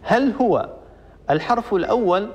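A man teaching Quran recitation rules, slowly repeating examples and restarting often. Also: high voice, lively intonation. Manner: slow repetition of examples, many restarts. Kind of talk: explaining tajweed rules. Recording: dull lo-fi recording.

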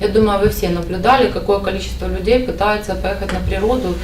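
A woman's voice: mid-range voice, fast talker. Distant woman answering press questions. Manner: steady, explanatory, some hesitation fillers. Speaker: party representative at a press conference. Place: indoor press conference room. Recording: echoey room from far off, faint noise.

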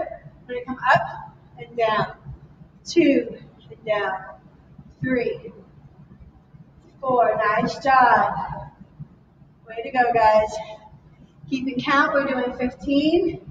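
High-pitched lady coaching a workout class, slow encouraging cues, echoey far-off studio sound. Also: a little hiss or hum. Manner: encouraging, counts reps, demonstrates while talking. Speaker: fitness instructor. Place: fitness studio, indoors. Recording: echoey, distant, slightly dull room sound.

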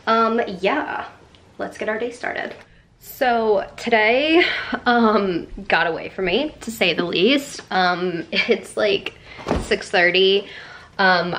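While fixing her hair and getting dinner going, a young woman vlogs casually to the camera with a relaxed, chatty style full of fillers. Her voice is mid-range. Sound comes from a camera mic at arm's length or on a stand in her echoey bathroom and kitchen, with faint background noise.

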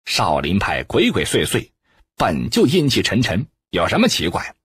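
A man voicing a brash, loud, jeering male martial artist in an audiobook. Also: on the low side, huge pitch swings, moderate pace, slightly rough, no room sound, clean studio sound, full character voice. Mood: mocking.

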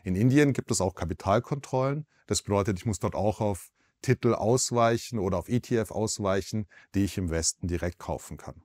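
A man in his forties, a foreign correspondent, answering interview questions in a measured, explanatory way with small self-corrections, in a TV studio. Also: fairly low pitch, darkish tone.

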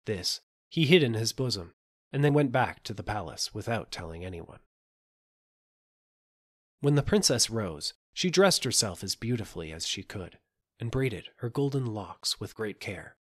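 A man narrating a fairy tale audiobook in an expressive storytelling manner. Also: fairly low pitch, moderate pace.

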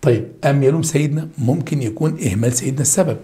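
A man's voice: medium pitch, racing. A man with an Egyptian accent teaching an exam-review lesson, asking questions and answering them himself. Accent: Egyptian Arabic. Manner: animated, asks and answers his own questions. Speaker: Arabic teacher.

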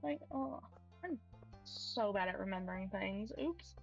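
A young woman chats casually as she streams a farming game, quick with exclamations and jokes at her own expense. Her voice sits at a middling pitch. Faint game music plays beneath slightly dull stream audio. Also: expressive, creaky. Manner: chatty, exclamatory, self-deprecating. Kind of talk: casual gaming commentary.

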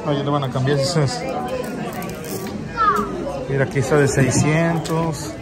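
A man's voice: a little high, fairly even intonation, unhurried. A man giving casual running commentary on a phone camera while walking through a large indoor reptile expo with his family. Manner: chatty, remarks on prices while filming. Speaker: vlogger filming a family outing. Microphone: handheld phone camera. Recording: busy crowded hall. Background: crowd chatter.

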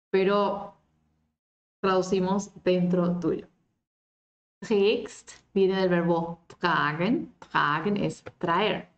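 A woman teaching German in an online lesson. She reads German lines slowly and clearly, then explains them in Spanish. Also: fairly low pitch, echoey room, highs cut off.

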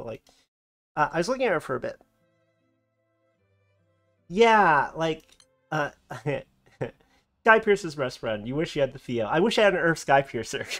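A game streamer giving live commentary at home, excitable, swearing often and laughing at their own mistakes. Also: mid-range voice. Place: at home with a cat nearby.

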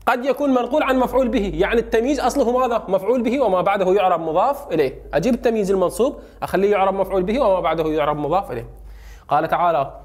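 Male teacher, Iraqi Arabic accent, high voice, brisk question-and-answer lesson delivery. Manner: quizzes students with quick questions and answers himself. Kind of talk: recorded grammar lesson.

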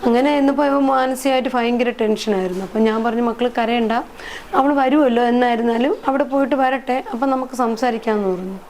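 A middle-aged woman gives an emotional account of her son in an interview. She talks in a halting way, repeats herself and trails off. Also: fairly high pitch, darkish tone, a little hiss or hum. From Kerala, India. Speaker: interviewee, mother.

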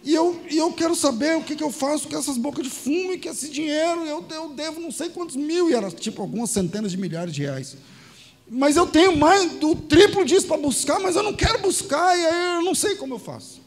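A pastor voicing a desperate weeping new convert. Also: male voice, high-pitched, animated, fast talker, hardly any pauses, warm tone. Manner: pleading, distraught.

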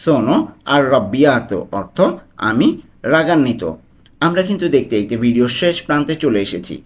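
A man with a Bangladeshi accent speaks in a voice of middling pitch, giving a video lesson. He repeats each short phrase slowly and then explains it word by word, steady and patient. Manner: slow, repetitive drilling of phrases. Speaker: language tutor.

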